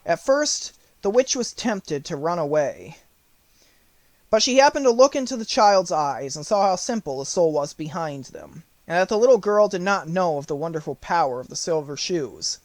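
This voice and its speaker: Narrating an audiobook of a storybook, this man reads with animation yet keeps his sentences measured and tidily phrased. His voice sits on the high side, and the audio is completely dry with no room sound.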